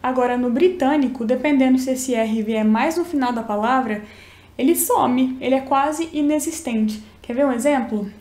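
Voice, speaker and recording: A woman's voice: sits high, normal speed, a little mellow. A young woman from Minas Gerais, Brazil, with a Minas accent, casually teaching English pronunciation and demonstrating sounds. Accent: Minas Gerais Brazilian Portuguese. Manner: chatty, explains and demonstrates pronunciations. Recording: echoey room.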